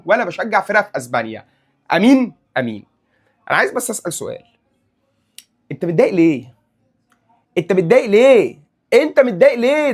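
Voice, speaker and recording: A young man with an Egyptian Arabic accent, ranting about football in a mocking, sarcastic way and repeating his questions for emphasis. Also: high-pitched. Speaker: football commentator vlogger. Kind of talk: animated comedic rant to camera.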